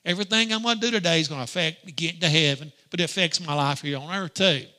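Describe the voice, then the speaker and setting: A middle-aged man teaching a Sunday school lesson in a preaching style, emphatic and swinging from loud to hushed. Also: fairly high pitch, fast. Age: grandparent age, middle-aged or older.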